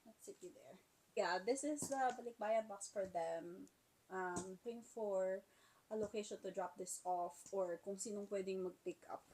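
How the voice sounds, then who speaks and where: A 27-year-old woman, casually unboxing gifts on a tablet mic, excitable and mixing Tagalog into her English while getting over a sore throat. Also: mid-range voice, normal speed. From Philippines. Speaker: vlogger. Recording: crinkling packaging noise close by.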